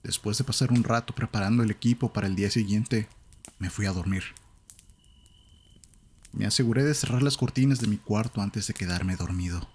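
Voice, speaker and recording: A man with a Latin American Spanish accent, telling a horror story in calm, measured scripted narration. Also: lowish voice, slight background noise.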